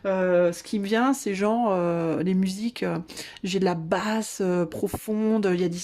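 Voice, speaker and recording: A woman's voice: medium pitch, fairly even intonation, unhurried, warm tone. A woman giving a casual tarot reading to her viewers, chatty and slangy, with many hesitations. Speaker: tarot reader.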